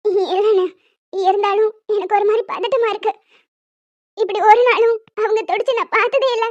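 A woman voicing an emotional young wife in an animated drama, pleading and tearful. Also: very high voice, moderate pace, no echo. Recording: dull lo-fi dry sound.

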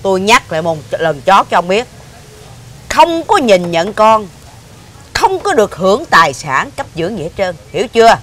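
A woman's voice: mid-range voice, very animated, a bit bright. An actress playing an exasperated middle-aged mother who scolds her blind ex-husband in a TV drama. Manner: scolding, rapid and indignant. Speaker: former wife. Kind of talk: TV drama acting.

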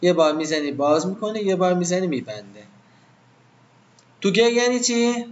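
A man's voice: sits high, lively intonation, muffled recording, slight background noise. A man teaching web design to a live class in an informal way, asking the students questions and then answering them himself.

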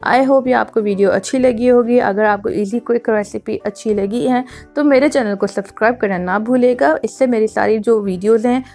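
A woman narrates a home cooking tutorial over faint background music. Her voice sits a little high, and she explains each step in a chatty, instructive manner, going back over her points. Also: moderate pace, few pauses, a little mellow. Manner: chatty, instructive, repeats herself. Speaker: cooking channel host.

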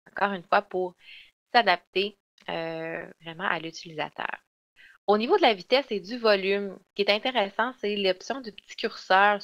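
A woman, presenting software in a webinar and explaining step by step with frequent fillers and restarts. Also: mid-range voice. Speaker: software trainer. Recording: dull lo-fi online webinar audio.

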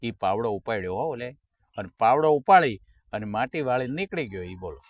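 Folk comedian telling jokes. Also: male voice, mid-range voice, lively intonation, dry recording. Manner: storytelling, acting out characters' lines; sings short folk song lines slowly. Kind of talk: Gujarati folk stand-up jokes.

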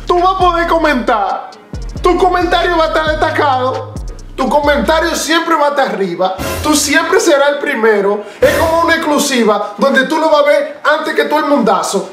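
Young Dominican Spanish male comedy host, very high voice, slangy, animated delivery, echoey room. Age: young adult. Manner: animated, slangy street talk. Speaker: YouTube comedy creator, host. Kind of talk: comedic direct-to-camera channel announcement. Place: small indoor room with bare wall. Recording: echoey room, light music behind.

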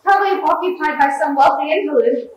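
Huffy, easily puzzled doctor sidekick played by a teen girl, high voice, distant stage audio with noticeable hiss. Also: fast talker, natural voice. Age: teens. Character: fussy, seasick male doctor companion. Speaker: student actor. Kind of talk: stage play performance. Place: school theatre stage. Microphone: distant room mic. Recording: echoey hall from far off, noisy.

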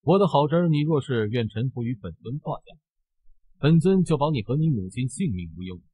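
A man's voice: medium pitch, lively intonation, fairly quick, dark tone, husky, no echo, rough recording. A man reading a sneering snake-clan usurper. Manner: sneering, contemptuous. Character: scheming villainous uncle, snake-clan usurper.

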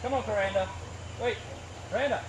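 An Australian man, a crocodile keeper, giving a joking guided tour outdoors and loudly coaxing the animals, heard from a tourist's handheld camera at a distance. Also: high-pitched, a little fast. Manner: joking patter with loud coaxing calls to the animals. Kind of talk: casual guided tour talk. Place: outdoor crocodile farm enclosure. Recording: outdoor camcorder audio with ambient noise.

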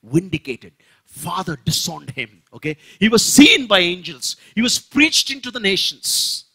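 Indian-accented male preacher, high lively voice, bright and a little husky, emphatic sermon delivery. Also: unhurried. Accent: Indian English. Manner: emphatic, rising to shouts on key phrases. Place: church.

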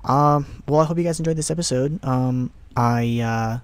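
A young man giving casual let's play commentary on a horror game, excitable, muttering to himself and swearing. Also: medium pitch, normal speed, clear, resonant tone, no room sound.

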